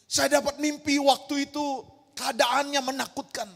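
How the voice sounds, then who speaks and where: A woman pastor preaches an emphatic sermon in a large church hall, firing rhetorical questions at the congregation. Her voice is high-pitched, creaky and a bit bright, with a level tone and moderate pace, and long church-hall reverb surrounds it.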